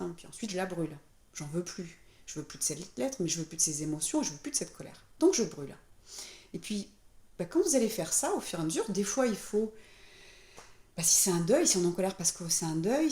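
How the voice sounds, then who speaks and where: A woman's voice: on the low side, darkish tone. A woman who works as a spiritual medium and therapist, explaining things to viewers in a chatty, informal way with frequent fillers. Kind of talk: casual explanatory talk to viewers. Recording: roomy echo.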